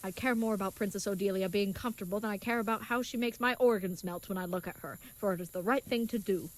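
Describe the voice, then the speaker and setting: Rough recording quality carries a fast-talking woman whose medium-pitched voice is close to everyday speech. Playing a young knight in audio comedy, she's earnest, naive, and chivalrous, musing aloud in stilted, overly wordy politeness as part of a scripted performance.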